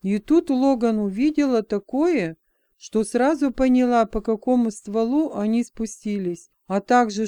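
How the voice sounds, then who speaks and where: A woman narrating a story in a measured, even reading voice. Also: a little high, smooth, no echo, clean studio sound. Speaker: audiobook narrator. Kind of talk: scripted narration.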